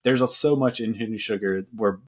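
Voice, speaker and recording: Very low-pitched male podcast host, loose rambling film chat. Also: a little fast. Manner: rambling, many fillers and restarts. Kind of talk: casual film discussion.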